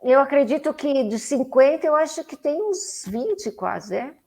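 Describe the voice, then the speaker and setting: Brazilian-accented woman, 50s, podcast guest; lively storyteller who restarts often. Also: sits high, measured pace, creaky. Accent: Brazilian Portuguese. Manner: animated storyteller, many restarts and fillers. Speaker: interview guest, political activist. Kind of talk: casual conversational interview.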